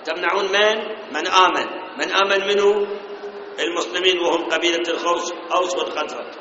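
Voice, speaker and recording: A man's voice: high-pitched, steady tone, a little fast, sharp tone, a little hiss or hum. A man with an Iraqi Arabic accent delivering a storytelling sermon as a preacher, asking rhetorical questions, explaining scripture phrase by phrase and at times slipping into a sung, chanting delivery. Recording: reverberant hall, slightly dull sound.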